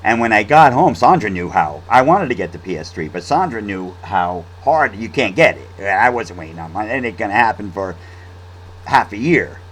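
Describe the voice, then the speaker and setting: A man's voice: lowish voice, lively intonation, normal speed, fairly bright tone, slight background noise, poor audio. A man telling a story in a casual, rambling monologue, with restarts and fillers. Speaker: vlog host.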